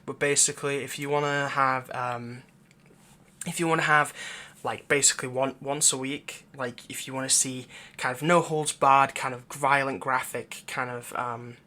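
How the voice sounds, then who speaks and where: A man who makes audio roleplays chats casually with his viewers in an outro that includes plugs, rambling in a hesitant, informal way. His medium-pitched voice is bright and forceful, with fairly even intonation at normal speed.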